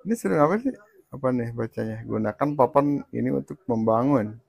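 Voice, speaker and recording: Man, middle-aged dad, lively up-and-down intonation, casual gaming chat, full of questions. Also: medium pitch, brisk, gravelly, slightly rough, dry recording. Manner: keeps asking questions, coaxing and guiding. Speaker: father playing alongside his child.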